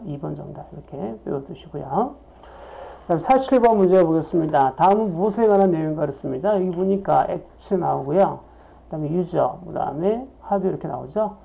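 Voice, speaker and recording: A woman with a strongly gravelly, dark voice teaches through exam questions. She reads each item aloud, then poses a question and answers it herself. The recording sounds dull and lo-fi. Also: on the low side. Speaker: exam prep lecturer.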